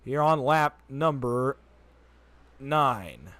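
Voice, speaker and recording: A man calling a race as the play-by-play announcer, rattling off positions quickly and building excitement on big moments. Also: fairly high pitch, no room sound. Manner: rapid-fire, auctioneer-like calling when the pack is close. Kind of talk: sim racing play-by-play commentary.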